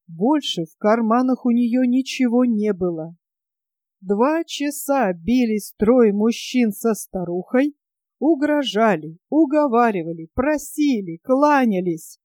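A woman reads a story aloud in a measured, expressive way. Her voice is fairly high and soft, with a mellow warmth. The recording is dry and close. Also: no room sound. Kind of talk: storybook narration.

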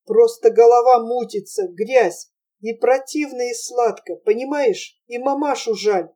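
Meet a woman voicing a gruff Circassian manservant from a storybook reading. His talk comes out blunt and scolding, in short abrupt bursts. The voice stays mellow and a little high. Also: unhurried. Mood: agitated.

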